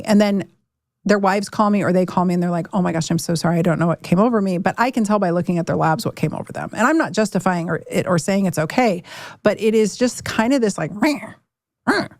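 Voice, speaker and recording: A woman's voice: mid-range voice, darkish tone, no echo. Chatty candid woman doctor, dry sound. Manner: candid, chatty, frequent restarts and mock quotes. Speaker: podcast host and doctor. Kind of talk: casual health talk.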